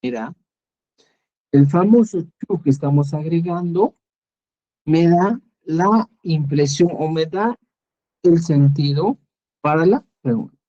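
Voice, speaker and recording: A man's voice: fairly high pitch, mellow, highs cut off. A man with a Peruvian Spanish accent teaching a Quechua lesson over a screen recording, patient and repeating each word, often checking in with "¿ya?". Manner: patient, repeats words and asks "¿ya?".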